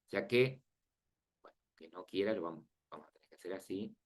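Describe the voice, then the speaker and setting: A man's voice: low voice, animated, brisk. Patient man teaching a class. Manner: explains step by step, checks in often with "¿sí?" and "¿ok?"; informal and friendly with students. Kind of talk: classroom lecture on databases.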